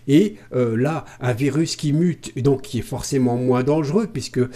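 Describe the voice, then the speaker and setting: A man from France delivering a sarcastic political rant to camera in a dark, mellow voice. His pitch sits in the middle range, and he swings between lively jabs and hesitant fillers as he searches for words. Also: moderate pace. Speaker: video commentator. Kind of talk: ranting political commentary to camera.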